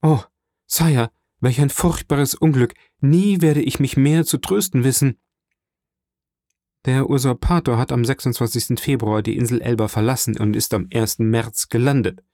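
A man's voice: medium pitch, steady tone, brisk, few pauses, warm tone, no echo, lightly acted. A distraught police minister, voiced by a male audiobook narrator. He sounds anxious and apologetic, his voice slightly raised. The recording is dry and close.

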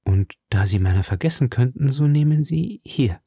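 A man reading aloud and voicing a seductive, scheming noblewoman who speaks softly and with a tremor. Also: mid-range voice, lively intonation, moderate pace, husky, no echo, studio quality. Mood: tender. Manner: soft, intimate, tremulous.

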